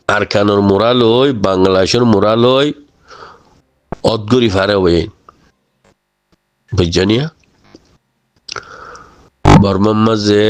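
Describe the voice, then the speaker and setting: A man's voice: on the low side, smooth. A man with a Rohingya accent close to Chittagonian speaks informally to his community, exhorting them and often checking with rhetorical questions that they follow. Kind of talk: informal spoken address.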